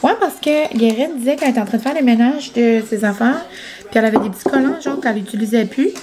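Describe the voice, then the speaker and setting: A woman with a Quebec French accent chatting casually at home for her vlog, excitable and dropping English words into her talk. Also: a little high, fast talker, poor audio. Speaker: vlogger. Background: background music.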